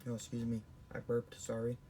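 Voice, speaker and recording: A man's voice: mid-range voice, monotone, brisk, warm tone, a little hiss or hum. Rambling teen boy. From Canada. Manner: rambling, with frequent restarts and self-corrections. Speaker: vlogger. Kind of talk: casual tier-list commentary.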